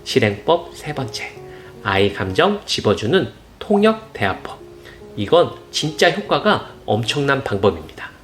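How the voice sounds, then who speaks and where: A father gently narrating parenting advice in scripted form, reassuring and warm in his words, now and then acting out short quotes. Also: big pitch swings, normal speed. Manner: gentle, reassuring tone, acts out parent and child quotes in higher voices. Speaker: parenting channel host. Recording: soft instrumental music behind.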